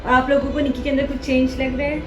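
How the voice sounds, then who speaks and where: Chatty young woman vlogger, somewhat high. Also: level tone, fast, over music. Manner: chatty, teasing, talks to viewers. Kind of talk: casual home vlog chat.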